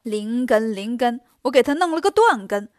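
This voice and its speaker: A woman voicing a cheeky, boastful male monkey king who talks quickly and cockily in a storybook. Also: on the high side, lively intonation, a little mellow, no room sound, clean studio sound, natural voice. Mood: eager.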